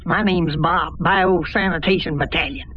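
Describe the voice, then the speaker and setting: An actor playing a battered old robot, an earnest, folksy old-timer, in an audio drama. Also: male voice, fairly high pitch, moderate pace, distant mic, a crowd in the background, natural voice. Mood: weary, resentful. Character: battered old robot, male, bullied, confiding, fearful. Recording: dull vintage record, loud music behind.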